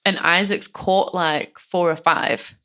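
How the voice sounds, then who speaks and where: A woman's voice: on the low side, steady tone, slow, sharp tone, clear, resonant tone. A woman, chatting casually on a true-crime podcast and retelling events with lots of fillers. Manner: chatty, many fillers, acts out quotes. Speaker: podcast co-host telling the case.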